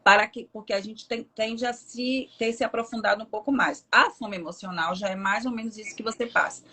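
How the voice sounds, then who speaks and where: A Brazilian woman psychologist, a guest on a live stream, explaining in a measured way. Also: a little high, bright, forceful tone. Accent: Brazilian Portuguese. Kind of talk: interview explanation.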